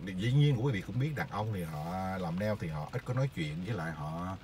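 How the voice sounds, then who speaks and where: A middle-aged man, telling stories in a casual, rambling monologue full of hesitant filler pauses. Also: sits low, expressive, a little mellow, slight background noise. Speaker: vlogger sharing stories.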